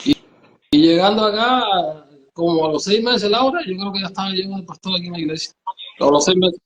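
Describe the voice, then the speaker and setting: A man with a Cuban accent, a pastor telling his story in an interview, halting and repeating words as he goes. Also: high-pitched, reverberant. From Cuba. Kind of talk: testimony in a conversational interview.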